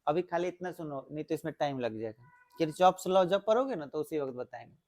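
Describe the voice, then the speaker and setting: A man's voice: a little high, expressive, brisk, a little mellow. A male physics teacher, giving a classroom lecture, explaining step by step and asking the class questions.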